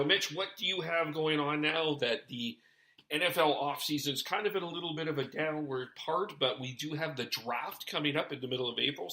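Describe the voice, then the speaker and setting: Male podcast host, bright forward tone, rambling, thinks out loud with many restarts. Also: mid-range voice. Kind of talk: casual podcast chat.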